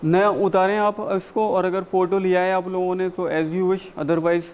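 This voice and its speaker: A man with an Indian accent gives a classroom lesson on spoken English. His voice sits high, and he talks at an unhurried pace, stretching out each English example sentence. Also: little pitch movement, a little mellow, dull audio. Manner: explains in Hindi with slow, drawn-out English example sentences. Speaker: English communication coach. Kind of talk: classroom lecture. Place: university classroom.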